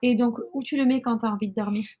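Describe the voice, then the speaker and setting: A woman's voice: a little high, steady tone, fast talker, mellow. A woman, hosting and explaining casually to listeners with frequent hesitations and fillers. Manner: hesitant, many fillers and restarts. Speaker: podcast host and mother.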